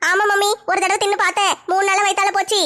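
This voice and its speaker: A woman's voice: extremely high pitch, monotone, fast, sharp tone. A woman voicing a naive, whiny child speaking to its mother in a comic skit.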